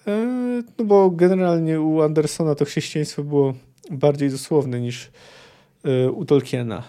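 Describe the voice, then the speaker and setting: A young man hosts a fantasy book podcast, thinking aloud with frequent pauses and fillers. His voice sits a little high and has a mellow, relaxed tone. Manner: thoughtful, hesitant with fillers. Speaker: podcast host.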